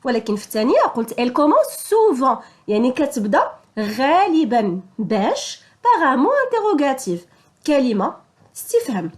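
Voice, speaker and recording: A woman with a Moroccan accent teaching French grammar, switching between French and Darija and slowing down for the example sentences. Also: high voice. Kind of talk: bilingual grammar lesson.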